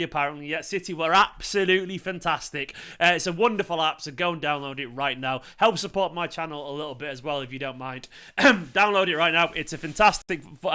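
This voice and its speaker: Male football fan host, Manchester accent, higher-pitched forceful voice, emphatic reaction delivery with repeated phrases. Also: clean tone. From Manchester, England. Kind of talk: excited match reaction to camera.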